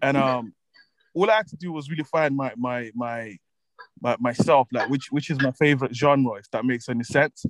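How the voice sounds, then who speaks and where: A relaxed man in his twenties from Zimbabwe talks about his life as a musician guest. He laughs easily and repeats words as he gathers his thoughts, and his voice sounds dry and close, with no room around it. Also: medium pitch, normal speed, no room sound, rough recording. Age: 20s. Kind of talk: casual interview chat.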